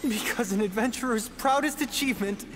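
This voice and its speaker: Game role: actor as young male beginner adventurer, timid, earnest, admiring, loud music bed. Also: medium pitch, a little fast, natural voice, poor audio. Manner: earnest, soft-hearted. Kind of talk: video game voice acting.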